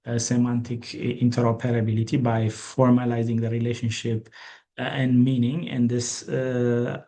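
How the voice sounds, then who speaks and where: A man's voice: mid-range voice, creaky, darkish tone. A man from Ethiopia giving an online training lecture, hesitant, with many fillers and restarts.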